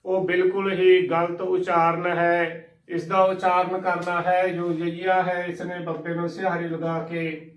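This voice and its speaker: A man from Punjab with a high, even voice teaches gurbani pronunciation in a slow, spelled-out recitation lesson. He patiently spells each word letter by letter and repeats it slowly. The mic sits at a distance in an echoey room.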